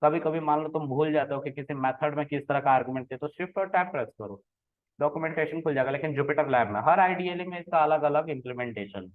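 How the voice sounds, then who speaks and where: A man teaching programming in a relaxed way, explaining code step by step and often checking that the listener follows. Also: a little high, quick pace. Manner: conversational, keeps checking in with the listener. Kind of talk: explaining code while typing. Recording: tinny phone-like sound.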